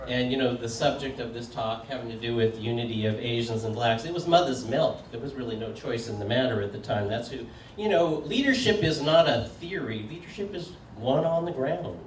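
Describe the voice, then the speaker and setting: A man in his sixties gives a relaxed, conversational public talk, joking and trailing off into fillers as he puts questions to the people listening. He is picked up from across an echoey room, with a faint hum of background noise beneath his mid-pitched voice. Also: fairly quick, few pauses, recorded from a distance. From United States. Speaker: speaker. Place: community meeting room.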